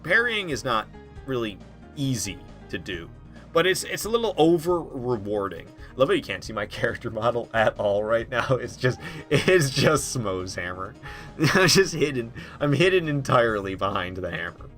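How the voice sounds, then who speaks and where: A man's voice: medium pitch, very animated, moderate pace, fairly bright tone, soft background music. A man casually commenting while playing a game on a live stream, rambling and laughing, talking to his chat. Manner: chatty, rambling, laughs often, talks to chat.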